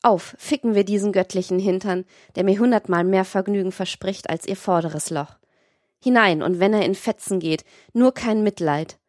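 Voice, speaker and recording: A woman's voice: medium pitch, moderate pace, darkish tone, dry recording, clean studio sound, close to an everyday voice. A woman reading the lines of a depraved, cruel man who gloats and schemes to himself. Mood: gloating. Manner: gloating, scheming inner talk. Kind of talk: dramatized audiobook reading.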